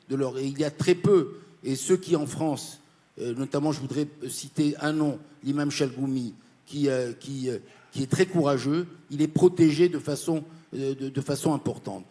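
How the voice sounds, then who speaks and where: A man's voice: a little high, warm tone. Earnest man from Morocco giving a speech. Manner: earnest and insistent, repeating key points. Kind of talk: formal panel speech. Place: conference panel.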